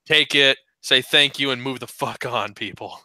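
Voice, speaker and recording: A man's voice: medium pitch, normal speed, pushed and bright, no room sound. A man co-hosting a talk show, chatting casually, ranting with swearing and stammered restarts. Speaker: podcast co-host. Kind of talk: casual profane banter.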